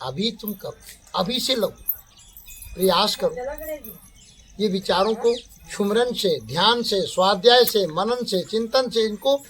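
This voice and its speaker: Soft music plays behind a man whose high-pitched voice has a bit of brightness. He is a spiritual teacher giving a slow satsang talk, defining each term after saying it again.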